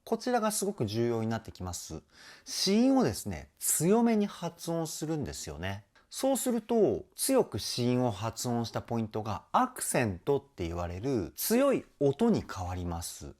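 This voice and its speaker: A man's voice: mid-range voice, wildly swooping pitch, moderate pace, darkish tone. A male vocal trainer hosting his channel, enthusiastically explaining singing technique while reacting to a music video. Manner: enthusiastic, explanatory, sings short demo phrases. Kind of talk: reaction and vocal analysis commentary.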